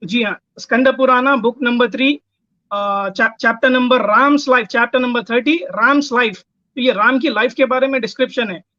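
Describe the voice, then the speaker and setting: A man's voice: very high voice, moderate pace, bright, forceful tone, no echo. A man on an online debate panel cites his sources methodically and reads passages aloud in English. His voice arrives dull and lo-fi, as if over a call, and the sound is close and dry. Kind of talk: citing references in an online debate.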